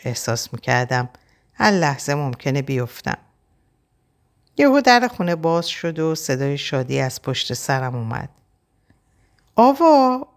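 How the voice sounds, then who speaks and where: A woman reading a first-person story aloud in a quiet, introspective way. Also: rumbling low. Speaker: audiobook reader.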